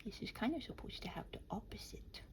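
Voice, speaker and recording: Talking fast, a woman who makes audio roleplay and ASMR content chats loosely with listeners as she works. She mutters and thinks out loud with self-deprecating humor, her soft voice frequently sinking close to a whisper.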